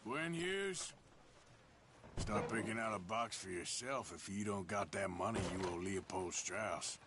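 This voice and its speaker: An actor playing a stern, blunt American outlaw debt collector in a video game. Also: male voice, on the low side, expressive, measured pace, very noisy. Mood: menacing, sardonic. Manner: blunt, sardonic.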